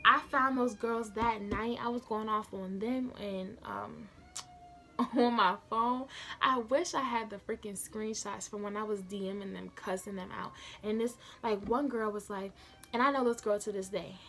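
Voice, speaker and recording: A woman's voice: medium pitch, fairly even intonation, normal speed, sharp tone, slight background noise. A young woman telling a personal story casually into a phone camera, chatty and slangy, building the drama as she retells it. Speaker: vlogger.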